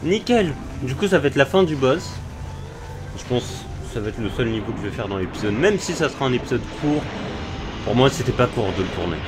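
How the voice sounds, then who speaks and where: Excitable man commenting on a game, lively voice. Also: mid-range voice, brisk, over music. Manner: excitable, cursing, slangy. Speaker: gaming youtuber. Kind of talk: casual let's play commentary.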